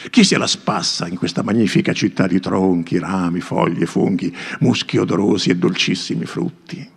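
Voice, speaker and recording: A man voicing an arrogant, mocking young prince in a read-aloud myth, boastful and scornful, his voice gravelly and husky. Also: deep voice, normal speed, pitched below the performer's own voice, full character voice. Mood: scornful boasting.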